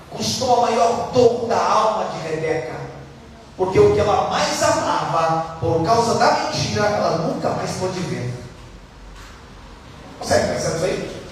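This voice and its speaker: A male pastor preaching a sermon, acting out Bible figures and swinging between loud and hushed delivery. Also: high-pitched, slight background noise. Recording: echoey hall, voice from far off.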